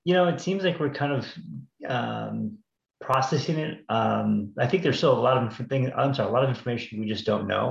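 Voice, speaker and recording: A man's voice: fairly low pitch, creaky. A man giving conversational financial commentary as a panel guest, hesitant and often rephrasing. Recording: roomy, slightly dull audio.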